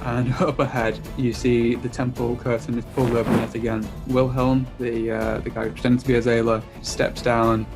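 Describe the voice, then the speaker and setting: Flat-voiced man running a tabletop game. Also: mid-range voice, moderate pace, hardly any pauses, music in the background. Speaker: game master.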